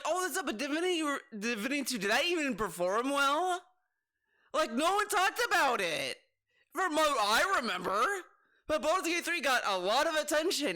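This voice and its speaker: A man's voice: very high voice, sharp tone. A man giving casual reaction commentary, ranting with exasperation, swearing and mockingly quoting the person he criticises. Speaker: commentator reacting to another streamer.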